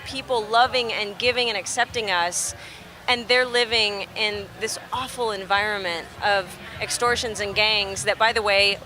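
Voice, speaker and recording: A young woman from Texas, a musician being interviewed outdoors, telling stories in an animated, chatty way and laughing easily. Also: fairly high pitch. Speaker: musician guest. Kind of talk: casual interview chat. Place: outdoors at a festival near traffic.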